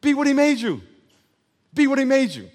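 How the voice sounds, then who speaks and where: A male pastor preaches emphatically, calling on his congregation to repeat words back to him. His very high voice is sing-song and somewhat dark in tone, moving at normal speed, with a long hall reverb around it.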